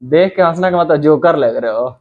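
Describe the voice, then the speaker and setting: A man's voice: fairly high pitch, fairly quick, phone-quality sound, a crowd in the background. A young adult man from India teaching a computer class, explaining step by step and quizzing his students with rhetorical questions. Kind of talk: classroom lesson.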